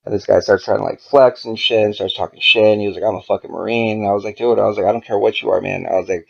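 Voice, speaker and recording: A man's voice: fairly low pitch, steady tone, rapid-fire, creaky. A man, a podcast guest, casually telling a story full of profanity and quoted back-and-forth dialogue. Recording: dull lo-fi podcast audio.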